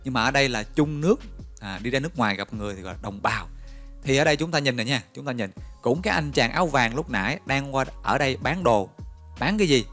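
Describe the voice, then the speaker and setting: A man teaches English vocabulary in a recorded lesson. He spins vivid memory stories in a lively, coaxing way, pitched at a middle range. Faint music plays underneath. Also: fast. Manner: lively, storytelling, coaxing with questions.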